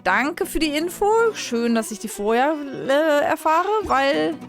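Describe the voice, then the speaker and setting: A woman's voice: high-pitched, measured pace, music in the background. A woman streaming a video game, chatting and muttering to herself as she plays. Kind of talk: casual gameplay commentary.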